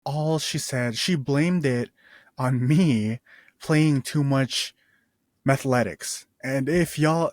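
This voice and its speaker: Slowly unspooling a personal anecdote, a twenty-something podcast host wanders off track, starts sentences over, and drops laid-back slang along the way. His mid-range voice is slightly mellow, recorded in a dry space with hardly any reverb.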